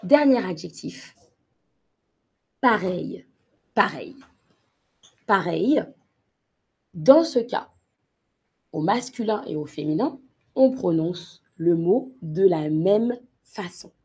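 A woman leads a live online vocabulary lesson and greets her viewers by name. She speaks slowly and repeats each word and example with care. Her voice is slightly husky. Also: lowish voice, animated, darkish tone. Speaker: French teacher.

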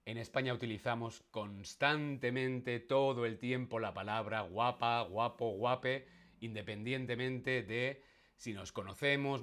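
Slow, playful male teacher. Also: medium pitch, a bit bright. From Spain. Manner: asks the audience questions, playful; slow, careful pronunciation. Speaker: Spanish teacher streaming. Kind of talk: live-streamed language lesson.

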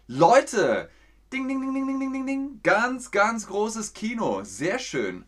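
A man from Austria, hosting a livestreamed dialect quiz in a playful, encouraging way. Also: on the high side. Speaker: quiz host teaching dialect words.

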